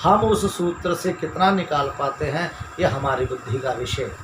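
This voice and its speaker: A man teaching Sanskrit grammar in a measured, explanatory lecture style, reciting verses and then paraphrasing them. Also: fairly high pitch, fairly bright tone. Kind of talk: classroom lecture explaining sutras. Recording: echoey room with noisy background.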